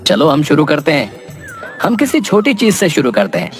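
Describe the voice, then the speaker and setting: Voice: medium pitch, huge pitch swings, normal speed, over loud music. A voice actor playing a smug, boastful male master thief who bosses and lectures his clumsy apprentice in a cartoon. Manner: bossy, lecturing, scolding. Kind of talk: cartoon voice acting.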